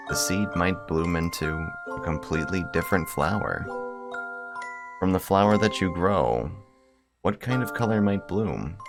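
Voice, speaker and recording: Hosting a gaming video, a man with a rumbling low, creaky voice chats casually and reads visual novel text aloud. He's blunt and crude, joking and swearing. Music plays behind his voice.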